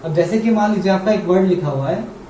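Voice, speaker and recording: A man's voice: high-pitched, a little fast, warm tone. Male grammar teacher, roomy and far. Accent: Indian English. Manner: repeats key words and asks the class questions. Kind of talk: explaining grammar at a board in Hindi. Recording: roomy, mic far off, faint hum.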